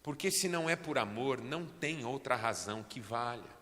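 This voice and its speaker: A Brazilian man preaching a fervent sermon as pastor, building to near-shouts, in a church. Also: medium pitch, lively intonation, normal speed, in a large hall. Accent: Brazilian Portuguese.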